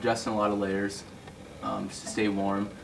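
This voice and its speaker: A young man guiding first-time hunters, giving easygoing, steady instructions in a casual outdoor chat. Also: on the low side, normal speed, vocal fry, background noise. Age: young adult. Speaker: local duck hunting guide.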